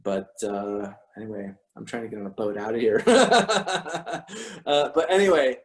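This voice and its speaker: A man hosts a casual livestream from his home, talking at a middle pitch. He rambles emphatically, restarts his sentences often and swears freely. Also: a little slow, poor audio. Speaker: host of an online talk stream.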